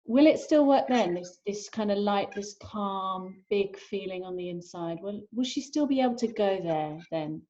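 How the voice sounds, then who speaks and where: Gentle woman therapist asking questions. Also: medium pitch, animated, moderate pace, few pauses, muffled recording. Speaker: therapist guiding a client. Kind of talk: guiding questions in a recorded session.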